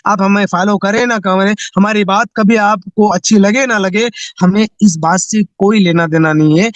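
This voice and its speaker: A man's voice: sits high, a bit bright, dry recording, lo-fi sound. A man delivering a motivational speech about network marketing, firing rhetorical questions at listeners in a preachy, pleading manner.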